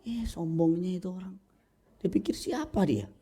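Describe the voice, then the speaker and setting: A middle-aged male pastor preaching a sermon at a church service, animated and humorous, acting out quotes in high voices. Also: normal speed, breathy edge.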